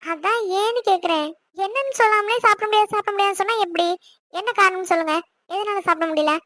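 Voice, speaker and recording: A woman voicing a young wife in an animated series, arguing and pleading quickly and insistently. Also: very high-pitched, no echo. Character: young wife, stubborn and outspoken.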